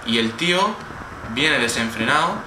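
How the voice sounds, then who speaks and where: A man's voice: mid-range voice, expressive, measured pace, music in the background. A man with a Spanish accent from Spain, hosting a horror game let's play, nervous, jumpy and swearing constantly. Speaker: gameplay video host. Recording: roomy, distant mic, background noise.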